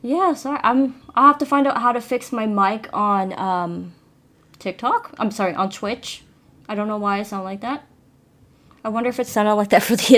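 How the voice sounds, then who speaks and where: A woman live streaming from her phone with a plugged-in mic, chatting apologetically with viewers and reading a story game aloud. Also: mid-range voice. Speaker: livestreamer.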